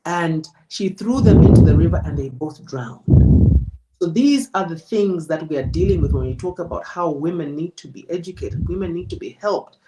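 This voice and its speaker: A man giving a presenter spoken feedback as a public speaking coach, in a measured, emphatic, deliberate way. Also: on the high side, animated, very noisy.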